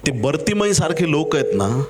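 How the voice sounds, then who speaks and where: A man preaching a sermon, acting out the characters in his stories with jokey asides and building to loud exhortation. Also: on the high side, very animated, normal speed, a little hiss or hum. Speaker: pastor.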